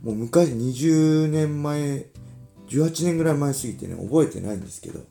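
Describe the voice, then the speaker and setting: A man in his forties from Ibaraki, Japan, hosting a casual solo podcast in a relaxed, chatty way with lots of filler asides. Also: fairly high pitch, normal speed, creaky, faint music behind. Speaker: podcast host, former pro fighter.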